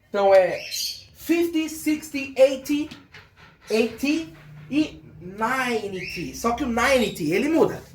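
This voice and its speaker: Echoey, high-voiced Brazilian teacher. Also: female voice, slight background noise. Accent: Brazilian Portuguese. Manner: repeats words slowly, drilling pronunciation. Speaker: English teacher. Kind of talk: casual online lesson. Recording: echoey room with birds outside.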